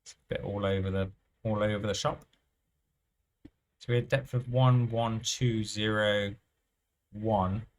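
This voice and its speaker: A man giving thinking-aloud commentary over live roulette play, musing and unhurried, often trailing off and restarting his phrases. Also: lowish voice, little pitch movement. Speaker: roulette strategy presenter.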